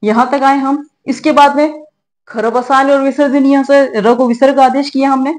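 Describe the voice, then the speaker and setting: A middle-aged woman with a slightly high voice teaches a grammar lesson. She explains each step patiently and often pauses to check that her students are following. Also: fairly even intonation, a little mellow. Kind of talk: classroom-style grammar lesson.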